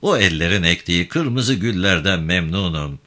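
A man's voice: sits low, expressive, moderate pace, sharp tone. A man reading a story voices a wounded, hardy man who soothes his wife in florid, tender words. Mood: tender soothing.

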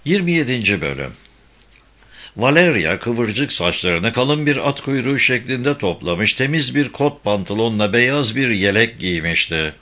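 A man narrating a crime novel audiobook in a steady, even reading. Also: mid-range voice, a little slow. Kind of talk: scripted narration.

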